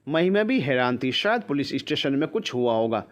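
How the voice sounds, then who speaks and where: A man narrating a family story in a calm scripted style. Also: mid-range voice, brisk.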